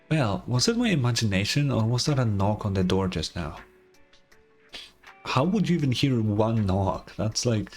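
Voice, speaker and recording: A young male game streamer gives offhand, casual commentary with some profanity and also reads game text aloud. His voice is fairly low and a bit rough.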